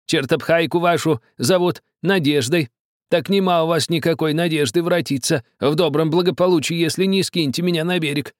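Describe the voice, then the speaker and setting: A man's voice: sits high, expressive, normal speed, no room sound, voice pushed up. Man voicing a cantankerous old villager, thin raised voice, sly and pushy, dry close sound. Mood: menacing. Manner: grumbling, wheedling then threatening.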